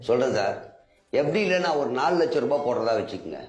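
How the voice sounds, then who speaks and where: In a comedic sketch, a man plays an indignant bank customer who argues and fires off rapid questions. His medium-pitched, darkish voice swings widely in pitch, recorded in an echoey room with faint music.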